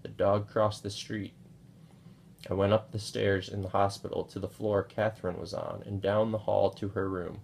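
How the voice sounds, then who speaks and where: A man reading a novel aloud in a steady, understated way. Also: lowish voice, moderate pace, creaky, slight background noise. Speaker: audiobook reader.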